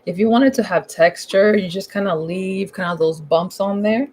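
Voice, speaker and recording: A woman's hoarse, husky voice, medium in pitch and a little mellow, carries a step-by-step painting lesson at home. Her pace is moderate, her manner casual and chatty, and she restates her instructions in informal terms.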